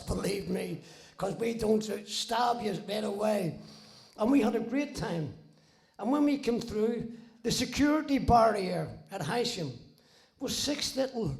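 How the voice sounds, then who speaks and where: Gravelly high-voiced Northern Irish man. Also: darkish tone. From Belfast, Northern Ireland. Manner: blunt, salty, swears freely, wry. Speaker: speaker telling his own story. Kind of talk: casual spoken storytelling.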